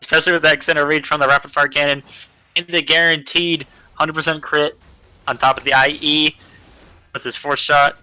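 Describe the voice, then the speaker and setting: A man giving color commentary on a live esports match, breaking down plays in a relaxed, slangy way. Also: on the high side, brisk, smooth, no echo, low-quality recording.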